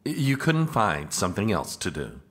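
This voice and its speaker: In a comedic audio drama, an actor plays a long-suffering, exasperated political aide with a dry, weary manner. His male voice is fairly low and fairly bright, with big pitch swings at normal speed.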